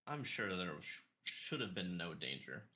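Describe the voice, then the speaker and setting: A man's voice: deep voice, sing-song, normal speed, pushed and bright, slight background noise, full character voice. A man voicing a grim male adventurer who speaks with dry, bitter sarcasm. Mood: grave. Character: grim male adventurer delivering bad news.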